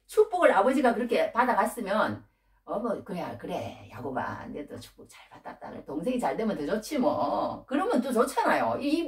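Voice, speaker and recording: Woman preacher, lively pitch, chatty sermon delivery, roomy sound from a distance. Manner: animated, conversational preaching with rhetorical questions. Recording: echoey room, mic at a distance.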